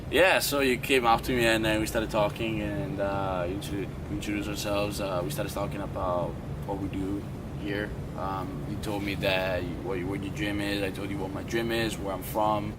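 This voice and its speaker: A man's voice: fairly low pitch, flat delivery. A young man from Italy, telling his story as an interview guest, often restarting his sentences. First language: Italian. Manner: halting, with many restarts and fillers. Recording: distant outdoor mic with traffic noise.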